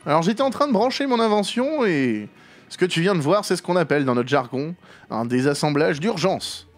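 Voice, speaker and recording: A man voicing an eccentric, excitable old inventor grandfather in a grand, theatrical tone. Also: a little high, brisk, soft background music, lightly acted. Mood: explaining. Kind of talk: reading game dialogue aloud in a voice.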